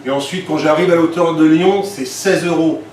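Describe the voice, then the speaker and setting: A lively man in his forties from Switzerland works a comedy club stage, his voice sitting a touch high. The sound is distant and echoey, with a noisy room behind it. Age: 40s. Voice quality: lively, quick asides with laughs to the crowd. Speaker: stand-up comedian. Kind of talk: stand-up comedy set.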